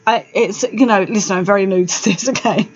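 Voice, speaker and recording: A woman's voice: mid-range voice, a little fast, slightly rough. A blunt woman chatting casually on her podcast, swearing freely and laughing easily. Her voice sits in a middle range, and the sound is a little dull and lo-fi. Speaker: podcast co-host. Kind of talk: casual chat.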